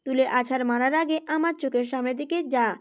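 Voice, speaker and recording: A woman's voice: high voice, a little fast, close to an everyday voice. A woman voicing a short-tempered young man who scolds curtly. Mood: scolding.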